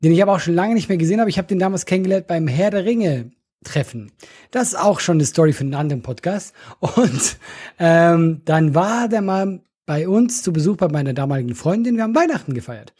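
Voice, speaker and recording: Husky, playful male podcast co-host. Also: high-pitched, animated, a little fast, a little mellow. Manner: playful, teasing storyteller. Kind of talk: casual podcast chat.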